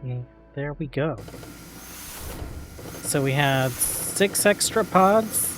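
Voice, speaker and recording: A man hosting a let's play, calmly thinking aloud with frequent fillers as he plays a strategy game. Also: a little high, very slow, over music. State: hiccups. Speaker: gaming channel host.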